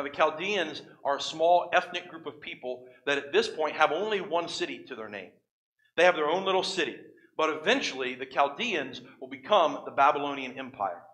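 A pastor preaching with a voice that sits high for a man. His tone is bright and forceful. He acts out quoted prayers and scripture with sudden rising exclamations. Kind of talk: sermon.

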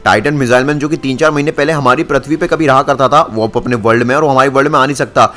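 A man's voice: mid-range voice, fairly even intonation, racing, bright, forceful tone. A man narrating a game video as a channel host, chatting to his viewers. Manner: chatty, addresses viewers as guys.

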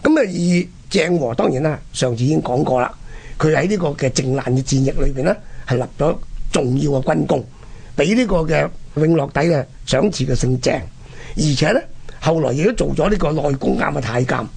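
Slightly high and a little fast, this man's animated voice is gravelly, a bit mellow, and breathy as he hosts a radio history show. He speaks with a Hong Kong accent, narrating colloquially and asking rhetorical questions.

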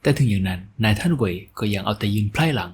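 Narrator: male, low voice, dramatic scripted reading, faint hiss behind. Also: expressive, very fast. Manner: dramatic storytelling. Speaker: audio novel narrator.

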